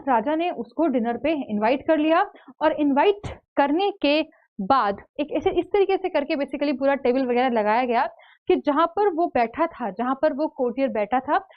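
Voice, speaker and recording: An Indian woman teaching English in an online exam-prep lecture. She explains slowly and keeps checking in with her students. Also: sits high, expressive, dull audio. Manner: explains slowly, checks in with "theek hai?" after each point.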